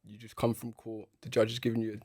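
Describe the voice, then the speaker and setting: A man's voice: fairly low pitch, monotone, fast, a little mellow, slightly rough, no room sound, studio quality. A man with a London accent hosting a casual interview in street slang, often repeating words as he prompts. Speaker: podcast host.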